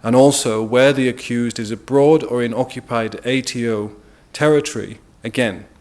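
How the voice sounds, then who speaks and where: A British man speaks at a press briefing, laying out a legal argument in a formal, measured way. His pitch sits in a middle range, and he leans on key words for emphasis. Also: fairly even intonation, darkish tone.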